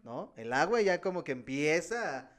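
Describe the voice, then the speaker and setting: A man with a Mexican Spanish accent, chatting casually and telling stories with slang and animated asides. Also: fairly high pitch, normal speed. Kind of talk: casual podcast chat.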